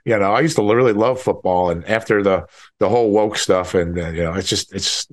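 An American man co-hosting in casual political chat, halting and stammering as he talks, with a disdainful manner. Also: on the low side.

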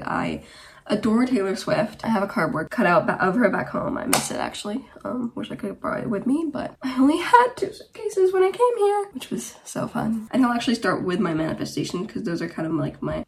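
A nineteen-year-old woman from Romania talks through her own podcast in a loose, rambling way, full of fillers and side remarks. She speaks quickly, at an ordinary middle pitch for a woman. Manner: chatty, rambling, lots of "like" and asides. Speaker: podcast host. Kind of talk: casual solo podcast chat.

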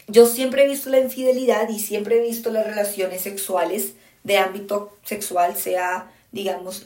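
A woman's voice: medium pitch, a little mellow. A woman podcast host giving frank, emphatic relationship advice in a casual monologue, speaking straight to her listeners. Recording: echoey room.

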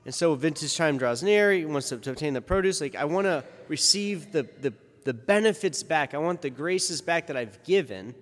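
A man's voice: a little high, animated, normal speed, hardly any pauses. A male priest reads the gospel and then preaches a casual, conversational homily with asides, heard in a long cathedral-like echo. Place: large church. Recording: long reverb of a big church.

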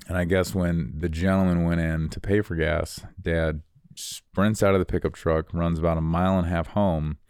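A young American man talking in an unscripted, reflective monologue, rambling and halting as he repeats his words. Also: low voice, a little mellow, clear, resonant tone, dry recording, studio quality.

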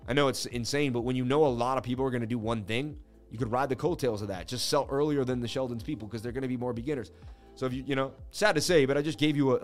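A man with a medium-pitched voice hosts a crypto trading channel, giving casual market commentary over a screen share. He's slangy and boastful, leaning on repeated catchphrases.

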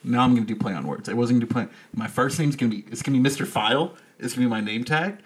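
A male podcast host chatting casually, full of crude jokes and loose rambling asides. His voice sits at an ordinary middle pitch. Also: expressive, racing.

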